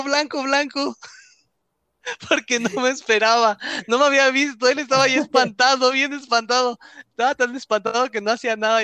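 A young man with a Mexican accent telling a funny story in casual chat, animated, often laughing and acting out what he said. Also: very high-pitched, clear, resonant tone, no room sound. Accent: Mexican Spanish. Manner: animated, laughs often, acts out his own lines.

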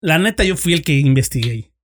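A man's voice: a little high, animated, fast, a bit bright. A man with a Mexican accent, a former police investigator, telling a story to friends in casual chat, swearing freely and acting out both sides of the dialogue.

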